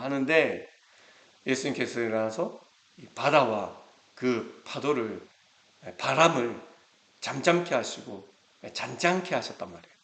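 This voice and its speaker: A man's voice: mid-range voice, fairly bright tone, echoey room. A male pastor giving a Sunday sermon, retelling a Bible story in a casual, conversational way. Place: church sanctuary.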